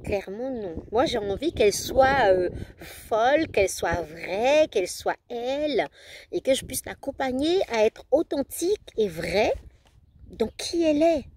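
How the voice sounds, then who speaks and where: A woman's voice: fairly high pitch, unhurried. A woman in her thirties, a parenting coach, talking casually and animatedly to the camera. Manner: animated, acts out her children's voices.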